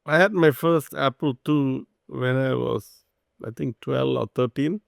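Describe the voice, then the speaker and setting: A man from Singapore answers interview questions in a thoughtful, explanatory way. His voice has a gravelly edge and sits at a middle pitch. The sound is dry and close. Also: measured pace, no room sound. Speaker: guest, startup founder.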